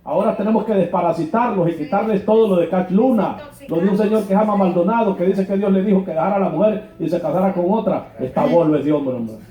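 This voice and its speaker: High-voiced man preaching in an echoey church. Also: quick pace. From Honduras. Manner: colloquial, mocking preacher who acts out quoted dialogue. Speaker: pastor. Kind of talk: sermon. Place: church hall. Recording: echoey church, dull lo-fi sound.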